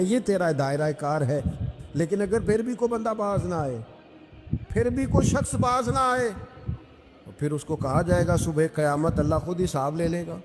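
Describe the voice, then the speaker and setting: A man delivering an emphatic, rhythmic sermon, repeating phrases and reciting Arabic verses. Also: high voice. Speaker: Islamic preacher. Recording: echoey hall, noisy.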